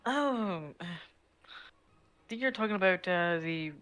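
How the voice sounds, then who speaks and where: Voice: mid-range voice, animated, slow pace, a bit bright, no room sound. A game master narrating a tabletop game in a rambling way with many restarts. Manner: rambling, lots of fillers and restarts.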